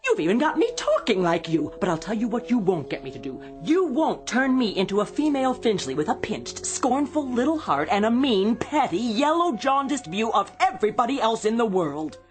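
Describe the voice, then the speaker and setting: Sarcastic, fed-up radio-drama secretary, lively delivery. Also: female voice, fairly high pitch, moderate pace, few pauses, faint music behind. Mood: angry, scornful. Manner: sarcastic, crisp retorts. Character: exasperated, sharp-tongued female secretary.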